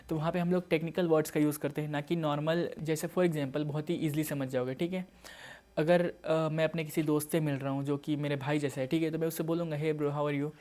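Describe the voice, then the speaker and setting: A man's voice: a little high, darkish tone. A young man giving a casual exam-prep lecture, explaining terms with everyday examples and mixing in English words. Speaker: teacher.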